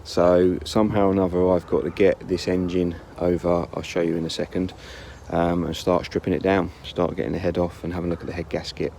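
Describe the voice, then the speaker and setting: Male DIY mechanic vlogger, dark monotone rasp, rambling plain talk. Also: low voice, fairly quick, few pauses, slight background noise, low-quality recording. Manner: rambling, plain-spoken, self-correcting. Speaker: car repair vlogger. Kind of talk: casual workshop commentary. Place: outdoors in a yard.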